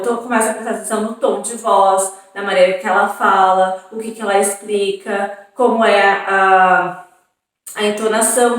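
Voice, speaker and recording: Echoey chatty southern Brazilian woman. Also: mid-range voice. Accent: southern Brazilian Portuguese. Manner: chatty, frequent tag questions and fillers. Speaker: vlogger on an exchange program. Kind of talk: casual chat. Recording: very echoey room, far from mic.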